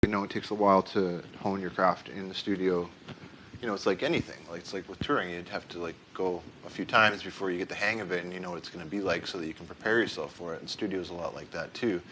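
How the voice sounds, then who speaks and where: An easygoing male session drummer, interviewed in a studio. His voice sits fairly low, with a faint hiss under the recording. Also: fairly even intonation, fast, fairly bright tone, low-quality recording. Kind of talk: casual interview.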